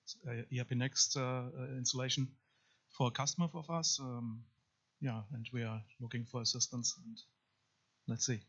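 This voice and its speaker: A man's voice: medium pitch, fairly even intonation, normal speed, a bit bright, slightly rough. A man from Germany, stumbling through a self-introduction. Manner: stumbling, with fillers. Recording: dull lo-fi livestream audio.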